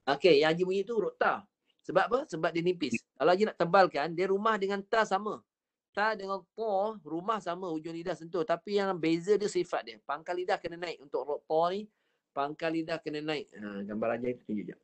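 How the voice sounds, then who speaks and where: High-voiced Malaysian Quran teacher, patient. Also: male voice. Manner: patient, coaching with slow demonstrations of recited words. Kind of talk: online Quran reading lesson.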